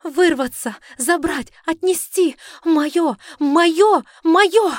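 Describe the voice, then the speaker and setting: A woman voicing a young heroine under magical compulsion, shouting desperately. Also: medium pitch, a little slow, dry recording, studio quality, natural voice. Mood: frantic.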